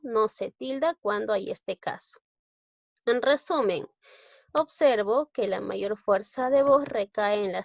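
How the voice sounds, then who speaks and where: A woman's voice: mid-range voice, dry recording. A woman teacher with a Peruvian Spanish accent, patiently explaining a grammar lesson step by step and often checking in with short tag questions. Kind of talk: recorded online grammar lesson. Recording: dull lo-fi recording.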